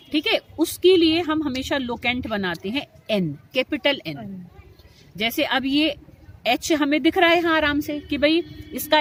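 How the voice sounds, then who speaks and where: High-voiced woman teaching chemistry. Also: a bit bright, slight background noise. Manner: addresses students affectionately, asks and answers her own questions. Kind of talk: classroom lecture.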